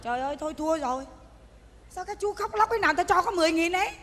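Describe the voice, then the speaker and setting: A woman's voice: very high voice, lively intonation, racing, a bit bright, a little hiss or hum. A woman, playing a stingy, bossy funeral host in a stage comedy sketch. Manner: bossy, scolding, northern speech. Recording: stage recording in a reverberant hall.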